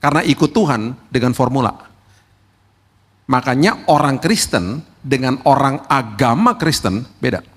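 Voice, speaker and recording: A man's voice: medium pitch, expressive, measured pace, fairly bright tone. A middle-aged male pastor preaching a sermon in a conversational way, now and then acting out the pleas of his congregation. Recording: long reverb of a church hall.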